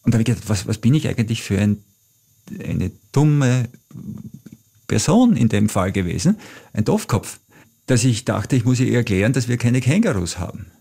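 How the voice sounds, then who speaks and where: A man's voice: medium pitch, very animated, moderate pace, vocal fry, dark tone, slightly rough. A middle-aged man from Austria, telling travel stories thoughtfully as an interview guest. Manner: thoughtful, anecdotal, frequent "äh" fillers. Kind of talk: reflective storytelling.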